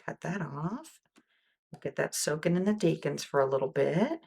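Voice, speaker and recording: This woman plays a wound care nurse for ASMR, her low voice husky with a slight rasp. Her delivery is animated yet soft-spoken, at an ordinary pace, as she patiently explains each step and keeps slipping in near-whispered "okay"s between lines.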